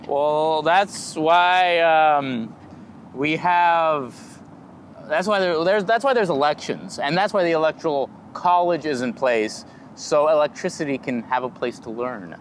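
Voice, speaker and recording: A young man hosting a casual comedy talk show, rambling with deadpan jokes. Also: fairly high pitch, measured pace, a little hiss or hum.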